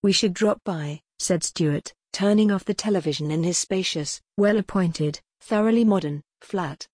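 A woman reading a gothic novel aloud as an audiobook narrator, in a measured storytelling manner. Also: fairly low pitch, darkish tone, slightly rough, no echo, clean studio sound. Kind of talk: scripted narration.

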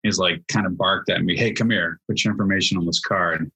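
A man's voice: sits low, fairly even intonation, a little fast, vocal fry, sharp tone, poor audio. A man in his forties from New Hampshire, a guest telling his story in a casual interview with many fillers and restarts. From New Hampshire, USA. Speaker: guest, Army veteran.

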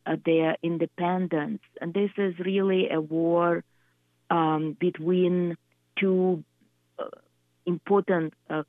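A woman in her fifties from Russia with a Russian accent, a guest speaking haltingly with many pauses and fillers. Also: lowish voice, no echo. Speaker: art gallery coordinator, guest. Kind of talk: radio interview by phone. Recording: tinny phone line.

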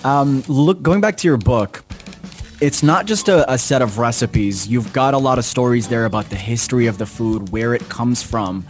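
A man hosting a live radio interview. He has an easy, conversational delivery, drops in the odd "uh", and has a medium-pitched voice. Soft music plays faintly behind him. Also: moderate pace. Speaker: radio host.

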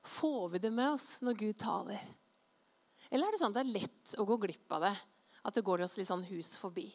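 A woman preacher giving a sermon, telling an anecdote and reading scripture aloud in a lively storytelling manner, acting out quoted voices. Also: medium pitch, in a large hall.

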